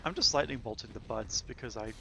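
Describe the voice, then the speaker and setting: A man's voice: medium pitch, quick pace, vocal fry, noisy background. A man streaming a game, chatting casually in a playful, exclamatory way with friends and viewers. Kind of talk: casual gaming chat.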